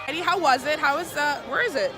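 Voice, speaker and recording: Chatting casually in a vlog, a young woman jokes around and exaggerates everything dramatically. Her voice is high-pitched and quick, competing with loud park music and a crowd behind her.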